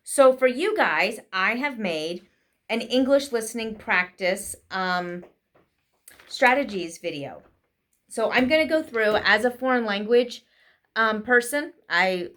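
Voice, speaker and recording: Chatty woman talking fast with lots of ums, casual english tips vlog. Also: medium pitch, a bit bright. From United States. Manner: quick, chatty, with frequent fillers. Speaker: vlogger teaching English learners. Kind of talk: casual spoken lesson.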